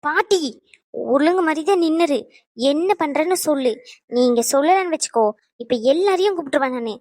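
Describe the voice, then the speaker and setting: A woman's voice: high voice, a little fast, a little mellow, dry recording, studio quality, close to an everyday voice. A woman voicing a bossy young granddaughter in a cartoon who scolds and threatens her grandmother. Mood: scolding. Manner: scolding, demanding.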